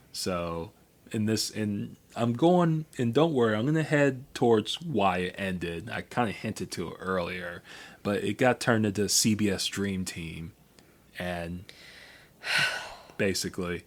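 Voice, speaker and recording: A man co-hosting a podcast in casual chat, rambling through a history with many fillers and restarts. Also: fairly low pitch. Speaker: podcast co-host.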